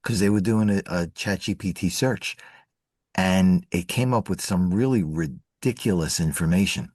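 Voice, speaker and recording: A man's voice: sits low, normal speed, no echo, clean studio sound. A man from New York City co-hosting a casual podcast, telling stories with a sarcastic edge. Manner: sarcastic, lively storyteller. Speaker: co-host.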